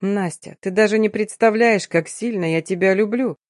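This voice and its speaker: A teasing, self-assured young lover speaks low and unhurried, drawing out his words with a smile, in a dry, close recording, with a woman reading him. The voice sits at a middle pitch for her and is only lightly disguised. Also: a little mellow, dry recording, natural voice. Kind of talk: audiobook reading.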